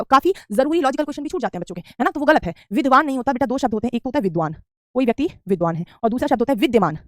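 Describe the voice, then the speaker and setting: A woman's voice: on the high side, no room sound, studio quality. A woman teaching spelling in an online exam-prep class, answering students' questions and repeating each correct word for drill. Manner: answers student questions, says "beta" often. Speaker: Hindi teacher.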